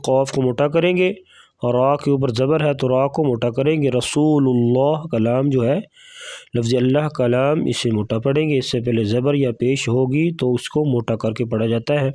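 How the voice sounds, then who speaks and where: A man teaching Quran recitation, explaining pronunciation rules step by step in a brisk, methodical way. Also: mid-range voice, dark tone, no echo, clean studio sound.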